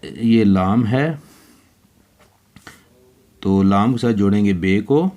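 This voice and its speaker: Slow, low-voiced man teaching children. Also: dark tone, muffled recording. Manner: slow, spelling out letters one by one. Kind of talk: handwriting lesson for children.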